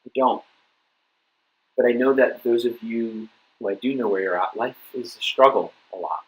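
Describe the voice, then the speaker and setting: A man's voice: medium pitch, moderate pace, poor audio. A young adult man giving a youth group talk, telling a personal story in a casual way with lots of fillers and restarts. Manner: casual storytelling, many fillers and repeated words. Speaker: youth pastor.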